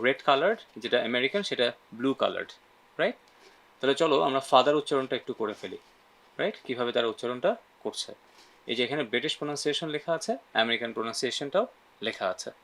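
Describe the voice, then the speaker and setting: A man's voice: mid-range voice, lively intonation, fast, fairly bright tone. A man teaching English pronunciation in a mixed Bengali and English lesson, often checking in with "right?" and leading repeat-after-me drills. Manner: asks frequent "right?" check-ins.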